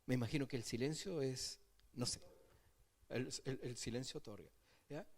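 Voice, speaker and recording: A man's voice: medium pitch, moderate pace. A male pastor, preaching a sermon in a conversational way and often checking that the congregation follows.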